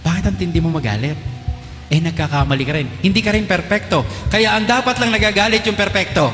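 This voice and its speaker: Teasing Filipino priest in an echoey church. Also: male voice, sits high, a bit bright. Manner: teasing, quizzes the crowd with rapid questions. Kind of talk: lively homily to a congregation. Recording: echoey church with long reverb, faint music.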